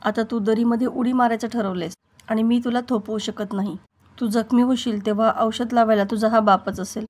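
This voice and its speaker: A woman's voice: a little high, fairly even intonation, fairly quick, darkish tone, close to an everyday voice. Woman reading as a stern, pained father. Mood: angry, pained. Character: stern protective father, middle-aged man.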